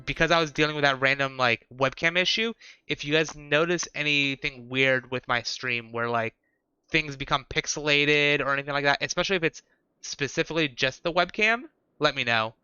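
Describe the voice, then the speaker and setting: A man's voice: on the high side, brisk, sharp tone, smooth, dry recording. A man chatting casually with viewers while streaming a video game. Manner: chatty, talks to chat viewers. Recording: dull lo-fi stream audio.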